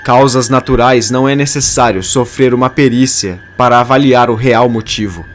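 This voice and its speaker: A man voicing a calm, supportive young man in a narrated soap opera summary. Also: medium pitch, normal speed, slight background noise, close to an everyday voice.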